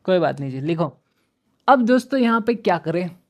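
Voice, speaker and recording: A man's voice: high-pitched, big pitch swings, moderate pace. Young guy teaching math online, chatty, flips between hindi and english, calls students friends. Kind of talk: online class lecture.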